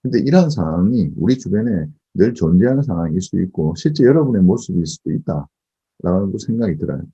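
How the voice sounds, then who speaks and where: A male lecturer giving a class, asking the audience rhetorical questions and often affirming with a quick "yes". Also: deep voice, dark tone, husky, lo-fi sound. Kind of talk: recorded lecture.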